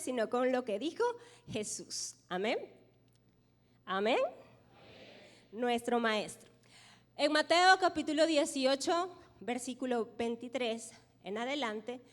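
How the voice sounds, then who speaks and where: Woman pastor, high voice, preaching with call-and-response, long church-hall echo. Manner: leads the congregation in call-and-response repetition; reads scripture aloud, slowing for emphasis. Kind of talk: sermon. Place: church sanctuary.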